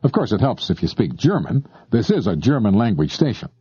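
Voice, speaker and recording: On a dull-sounding recording with loud music underneath, a lowish male voice with big pitch swings moves briskly through scripted narration. He's explaining shortwave listening on an instructional tape, chatting conversationally and straight to the listener.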